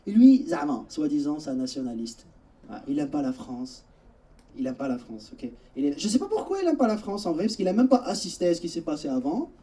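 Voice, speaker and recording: A man's voice: fairly high pitch, sing-song, a little fast, mellow, recorded from a distance. A young man from Algeria, telling stories in a chatty stand-up comedy set on a theatre stage, speaking straight to the audience. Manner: chatty storytelling, addresses audience directly.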